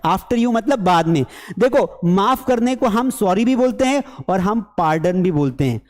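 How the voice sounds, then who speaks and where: A man with a notably high voice runs an online spoken English lesson and keeps it lively and teasing. He playfully acts out the mistakes his learners make. His voice carries a long hall reverb. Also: measured pace. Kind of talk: online class lecture.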